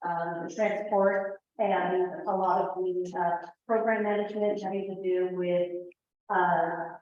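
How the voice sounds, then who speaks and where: A woman's voice: fairly low pitch, flat delivery, takes it slowly. Woman from El Salvador, nervous self-introduction, very echoey room, muffled sound. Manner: nervous, hesitant with fillers. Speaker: new staff member. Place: large meeting room. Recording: echoey dull meeting room audio, faint hiss.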